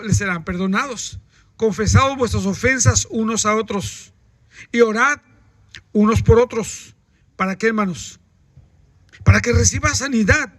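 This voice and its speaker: High-voiced pastor preaching. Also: male voice, fairly bright tone, no room sound. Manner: preaching with rhetorical questions to the congregation. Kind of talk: sermon.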